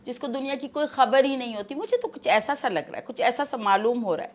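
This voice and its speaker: Haughty woman playing a stern mother-in-law. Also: on the high side. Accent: Pakistani Urdu. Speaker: guest actress. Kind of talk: comic in-character interview.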